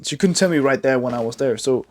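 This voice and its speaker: A young Danish man with a Danish accent chats casually while drawing, an art vlogger who rambles, jokes at his own expense, and fills his talk with fillers and restarts. His mid-range voice is fast, and the recording is dry.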